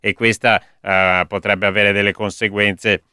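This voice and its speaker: A man giving live economic commentary on a radio show in an explanatory, measured way. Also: on the low side, flat delivery, pushed and bright, clear, resonant tone, no room sound, clean studio sound.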